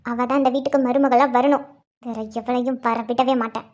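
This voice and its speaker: A woman voicing a scheming, stubborn middle-aged aunt in a cartoon story, speaking in a low, menacing, deliberate way. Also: level tone, a little mellow, dull audio, natural voice. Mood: vengeful, determined.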